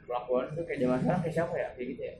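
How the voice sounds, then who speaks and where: A man's voice: medium pitch, rapid-fire. A man retelling a religious story in casual chat, acting out the quoted speakers. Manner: animated, acts out quoted speakers. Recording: echoey room with background noise.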